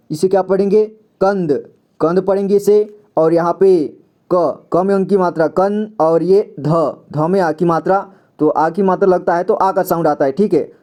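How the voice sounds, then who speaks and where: A young man giving a slow, patient reading lesson, repeating each syllable and checking in often. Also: high voice, mellow. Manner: repeats syllables slowly, says "ठीक है" often. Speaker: Hindi reading teacher.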